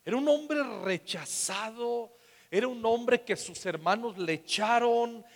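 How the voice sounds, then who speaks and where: A man with a Mexican Spanish accent preaches a sermon as pastor, with a fairly high voice. He tells a personal story and often sinks to a soft, hushed tone. His voice carries a long reverb, as in a large hall. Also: measured pace.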